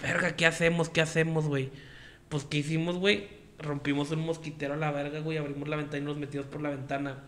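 Fast-talking young Monterrey man. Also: on the high side, level tone, a bit bright, a little hiss or hum. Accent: northern Mexican, Monterrey. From Mexico. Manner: rapid joking storytelling, heavy slang. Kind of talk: casual chat.

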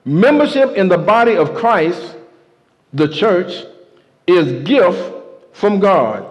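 A man preaching a sermon to his congregation, emphatic, with call-and-response. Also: high-pitched. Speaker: pastor. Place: church sanctuary. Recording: muffled sound with a long hall reverb.

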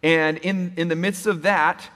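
A man preaching a sermon in a relaxed, conversational way, retelling a scripture story with lively quoted lines. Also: fairly high pitch, a little slow, big-room sound. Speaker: pastor. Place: church sanctuary.

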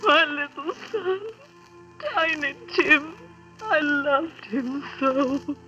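A woman's voice: high voice, takes it slowly, lo-fi sound, soft background music. A tearful grieving mother. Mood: mourning. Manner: tearful, soft. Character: grief-stricken mother.

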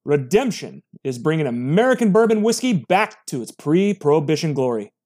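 A man putting on a booming announcer voice to read out formal product copy. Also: very animated, normal speed, a little mellow. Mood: grandiose.

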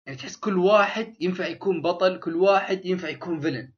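A man's voice: sits high, fast talker. A man chatting casually as a podcast host, rambling and restarting his sentences. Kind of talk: casual chat. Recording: dull lo-fi sound.

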